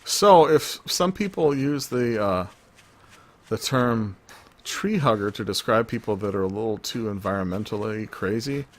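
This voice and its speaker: Deep voiced guy doing let's play commentary, chatty and joking around to himself. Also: a little hiss or hum. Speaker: gaming video host.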